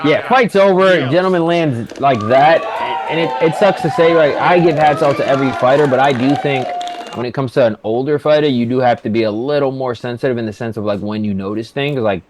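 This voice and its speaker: A man's voice: medium pitch, fairly quick, background noise. A man giving casual, slangy fight commentary alongside a co-host. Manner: colloquial, slangy.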